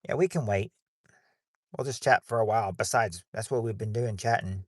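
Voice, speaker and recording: Recorded dry with studio quality, this lowish-voiced man talks at a moderate pace while running a livestreamed game night, his casual chatter full of restarted sentences.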